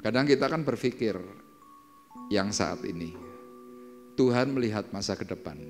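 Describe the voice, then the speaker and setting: A male pastor preaches and tells a story in a low, steady voice. He moves between hushed and forceful lines. His voice rings through a large echoing church hall, with soft instrumental music behind. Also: moderate pace. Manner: dramatic, swinging between hushed and emphatic. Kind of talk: sermon with storytelling.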